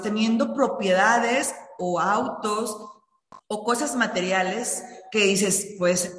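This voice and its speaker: Middle-aged woman, earnest motivational speaker, recorded in a reverberant room. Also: medium pitch. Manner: earnest, addresses listeners directly. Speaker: speaker on personal finance and habits. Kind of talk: motivational talk. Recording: echoey room with long reverb.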